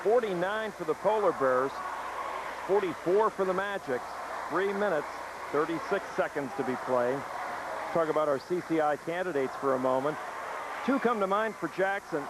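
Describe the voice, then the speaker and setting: Man, play-by-play basketball commentary, higher voice, animated intonation, noisy live gym broadcast. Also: moderate pace. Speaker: play-by-play sports announcer. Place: basketball gymnasium.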